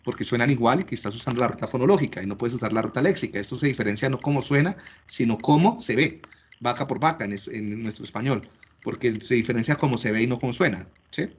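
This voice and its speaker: Male lecturer, patient step-by-step teaching, mid pitch, muffled lo-fi sound. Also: fast, slight background noise. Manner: explanatory, checks understanding with frequent rhetorical questions. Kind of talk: classroom lecture.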